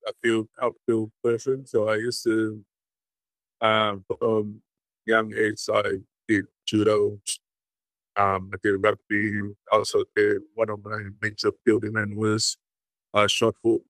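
A Tongan man in his forties, a former sumo wrestler, answering interview questions in a halting way with many fillers and restarts. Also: fairly low pitch, a bit bright, dry recording, poor audio. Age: 40s.

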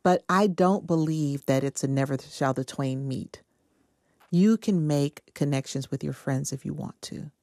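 Woman author, low warm voice, earnest and reflective, chatting about her novel. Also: a little slow, no echo, clean studio sound. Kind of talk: interview answers.

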